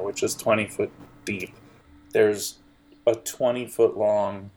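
A man with a lowish, gravelly voice acts as game master for a tabletop role-playing game. He describes scenes in a halting yet lively manner.

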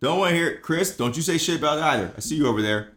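A man's voice: fairly high pitch, animated, racing, a bit bright. Drunk rambling Southern man host. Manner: rambling, profane, self-mocking. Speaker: podcast host. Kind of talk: comedic casual chat.

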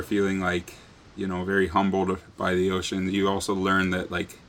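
A young man answering interview questions in a relaxed, casual way, full of "like". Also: low voice, slight background noise. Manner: relaxed, many fillers like "like". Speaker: guest.

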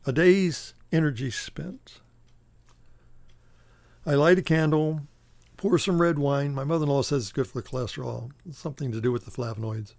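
A man's voice: medium pitch, steady tone, fast talker, creaky, a little mellow, no room sound. Man performing a wry dramatic monologue. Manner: wry, theatrical storytelling. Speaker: performer of a one-man play. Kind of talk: dramatic first-person monologue.

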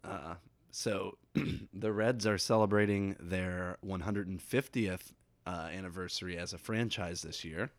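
A man's voice: sits low, fairly even intonation, measured pace, no echo. A man from the Cincinnati area, a podcast guest chatting casually and laughing often as he tells stories. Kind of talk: casual chat.

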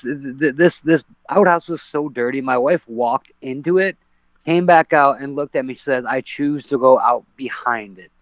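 A man's voice: medium pitch, no echo. A man, a professional fighter, telling a story on a podcast in a casual, rambling way with lots of fillers and restarts. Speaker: guest, professional MMA fighter. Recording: dull lo-fi, dry sound.

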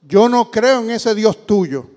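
Preacher as a blunt, gruff merchant. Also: male voice, sits high, expressive, slow, big-room sound. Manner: blunt, rising to loud demands. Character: gruff rude male merchant, unbeliever.

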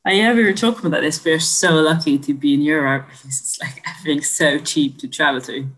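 A woman's voice: low-pitched, fast, a bit bright, rough recording. Upbeat young woman from Hungary. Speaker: podcast guest. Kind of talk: casual chat.

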